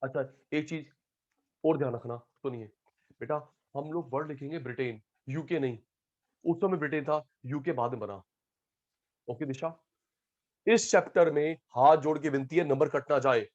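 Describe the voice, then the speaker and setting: A man lectures a live class in a fairly high voice. He calls on students by name, swinging from loud calls to quiet asides. The classroom recording sounds dull and lo-fi. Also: moderate pace, pauses often. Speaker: economics teacher.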